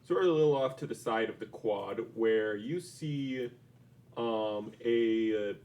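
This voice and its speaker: A young man narrating a tabletop game as game master, halting with many fillers. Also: lowish voice, darkish tone.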